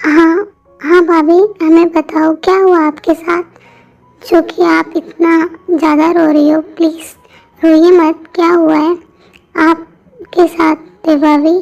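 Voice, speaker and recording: A woman's voice: extremely high pitch, level tone, takes it slowly, full character voice. A woman voicing a protective, indignant young sibling in an amateur fan dub drama, pleading and then protesting. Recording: muffled lo-fi audio with soft music.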